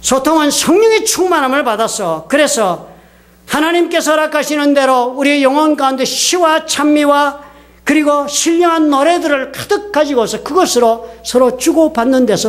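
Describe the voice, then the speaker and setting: A man preaching a sermon as a pastor, telling a story and putting questions to his congregation. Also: very high-pitched. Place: church sanctuary.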